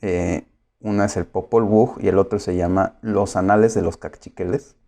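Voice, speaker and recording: A man giving a lecture, pausing often with filler sounds and explaining patiently. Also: low-pitched, steady tone, dark tone. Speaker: course lecturer.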